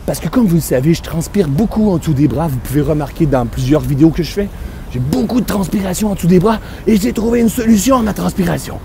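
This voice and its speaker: A man with a Québécois French accent talks straight to the camera outdoors on a city street. His high voice is playful and self-mocking, and he hams up his jokes. Faint traffic noise hums in the background. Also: expressive, fast, creaky, mellow. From Quebec. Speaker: mindfulness speaker. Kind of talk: comedic vlog to camera.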